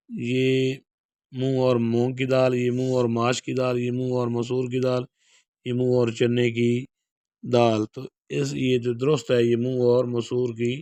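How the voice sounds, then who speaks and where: Male lecturer, monotone delivery, clean dry recording. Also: mid-range voice, clear, resonant tone, dry recording. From Pakistan. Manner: steady explanatory delivery, reads question then gives answer. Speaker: Urdu lecturer. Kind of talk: exam prep lecture going through model paper answers.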